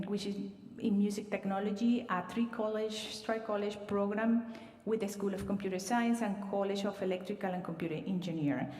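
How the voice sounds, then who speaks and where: In an echoing hall, a Venezuelan woman who directs admissions presents to students over a livestream at a medium pitch. Warmth and welcome define her manner, alongside fillers and faintly non-native wording, while the mic sits well away from her.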